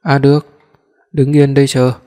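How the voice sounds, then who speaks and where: A man voicing a cold, commanding young executive who speaks calmly and briefly in an audiobook. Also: mid-range voice, normal speed, natural voice. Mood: cool. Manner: calm, cool, clipped. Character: cold, commanding young CEO, tender to his love. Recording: long hall reverb.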